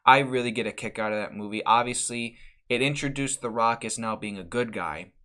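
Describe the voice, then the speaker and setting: A man's voice: medium pitch, fairly quick, bright, forceful tone. A man hosting a casual vlog where he ranks movies, talking in a rambling way with frequent restarts and repeated words while giving candid opinions. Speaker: channel host.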